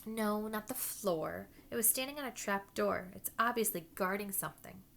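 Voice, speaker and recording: A woman voicing a bossy, sharp-tongued schoolgirl who scolds her friends. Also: mid-range voice, normal speed, creaky. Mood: lecturing. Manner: scolding, breathless.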